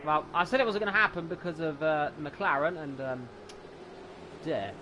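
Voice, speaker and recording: Male motorsport commentator, high voice, widely swinging intonation, excitable play-by-play, engine noise behind. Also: moderate pace. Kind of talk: live motorsport race commentary. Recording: noisy, car engine sound behind.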